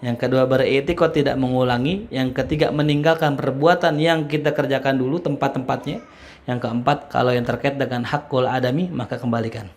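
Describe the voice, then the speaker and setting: A man's voice: medium pitch, steady tone, fairly quick. A man giving a casual Islamic study lecture, joking and quoting Arabic phrases before explaining them. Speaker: ustadz teaching a religious study class.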